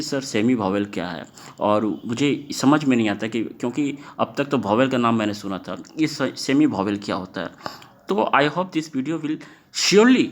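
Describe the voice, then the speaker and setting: Man, teacher, animated intonation, quizzes students, drawn-out words for emphasis. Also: medium pitch. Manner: questions the class often and stretches words to stress sounds. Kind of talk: classroom lesson explaining to students.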